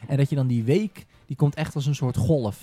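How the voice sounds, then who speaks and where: Mellow young man rambling. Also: medium pitch, fairly quick, no room sound. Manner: rambling, searching for words. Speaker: podcast co-host. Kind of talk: casual chat.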